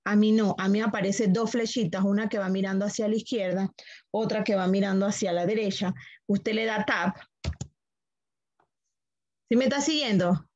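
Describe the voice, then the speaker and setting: A woman's voice: mid-range voice, steady tone, moderate pace, pauses often, darkish tone, dry recording, dull audio. A woman teaching a computer class online, walking students through steps patiently, repeating them and checking that they follow.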